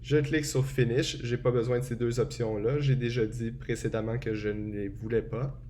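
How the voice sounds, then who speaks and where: A man walks through a software setup step by step in a relaxed tutorial, often pausing with hesitations. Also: mid-range voice, a little hiss or hum. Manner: relaxed and explanatory, frequent hesitations. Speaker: tutorial presenter. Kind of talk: screen-recorded software tutorial.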